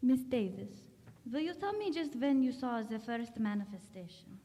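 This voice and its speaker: A woman's voice: fairly high pitch, animated, mellow, slightly rough. A woman playing a grave, authoritative doctor who investigates the supernatural, in a radio drama. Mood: grave, commanding. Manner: authoritative, deliberate, brusque. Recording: long hall-like reverb.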